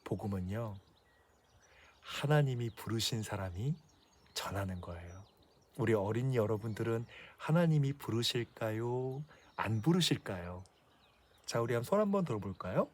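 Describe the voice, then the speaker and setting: A man's voice: on the low side, animated, normal speed, a little mellow, a little hiss or hum. A man preaching a children's sermon, asking the kids questions and having them repeat words.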